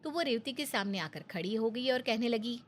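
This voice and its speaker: A woman narrating a storybook tale in a steady, plain manner. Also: fairly high pitch, normal speed, slight background noise.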